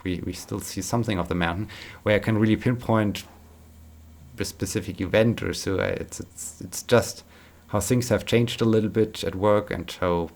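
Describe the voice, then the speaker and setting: A man's voice: lowish voice, fairly even intonation, normal speed, gravelly. A man chatting casually while playing a game, rambling and repeating words, tired but upbeat. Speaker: gaming vlogger.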